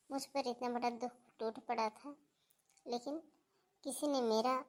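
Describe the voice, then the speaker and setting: A woman voicing a grieving young married woman in an animated family drama, recounting how her in-laws ignored her. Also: a little high, lightly acted. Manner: hurt, complaining recount. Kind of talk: animated cartoon voice acting.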